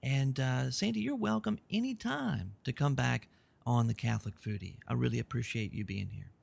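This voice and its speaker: A man of forty hosting a podcast, chatting casually and rambling warmly with frequent restarts. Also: medium pitch, lively intonation, moderate pace, vocal fry, breathy edge, no echo. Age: 40s. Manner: rambling, thankful, many restarts. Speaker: podcast host.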